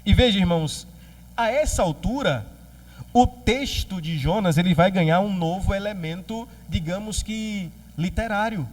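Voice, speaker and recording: A man with a Brazilian Portuguese accent preaching a sermon as pastor, lively and joking, acting out quoted voices. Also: high voice, moderate pace, distant mic.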